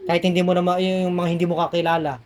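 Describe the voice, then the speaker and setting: Quick chatty healer guy, voice sits kinda high, keeps coaxing and repeating stuff. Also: flat delivery. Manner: coaxing, repeats himself, reassuring. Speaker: spiritual healer. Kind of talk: explaining to patients during a healing session.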